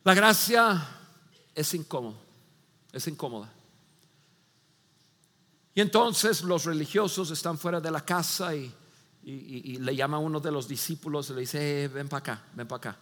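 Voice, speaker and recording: A male pastor preaching a sermon, telling a story with lively acted-out voices and frequent restarts. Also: on the high side, a little slow, pauses often, big-room sound. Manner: animated storytelling, acts out voices, many restarts.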